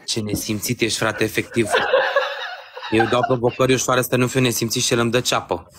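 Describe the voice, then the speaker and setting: A man's voice: medium pitch, little pitch movement, very noisy. A man hosting a live stream, joking and mocking his rival in casual banter. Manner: teasing, mocking. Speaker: livestream host.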